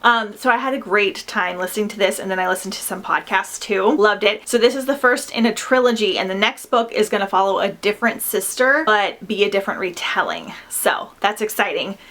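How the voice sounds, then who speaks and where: Female book vlogger, chatty and gushing review delivery, informal and enthusiastic, medium-pitched voice. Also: brisk, hardly any pauses, fairly bright tone. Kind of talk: casual vlog chat.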